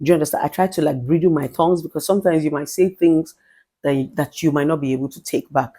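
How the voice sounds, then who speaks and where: A low, steady female voice with a breathy edge moves along fast as a middle-aged Nigerian relationship therapist offers motivational advice. She's forceful and emphatic, her tone authoritative and commanding, with Pidgin phrases woven through.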